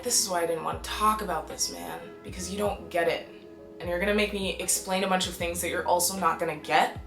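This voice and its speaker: A young woman from Canada in her twenties, talking casually to the camera in an animated, exasperated and emphatic way. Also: fairly low pitch, echoey room. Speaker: vlogger. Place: small bright room indoors.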